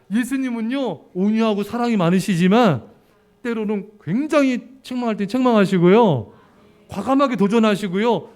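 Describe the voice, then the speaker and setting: A man's voice: high voice, darkish tone. A male pastor preaching at a church service, emphatic and often asking the congregation questions directly. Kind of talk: sermon.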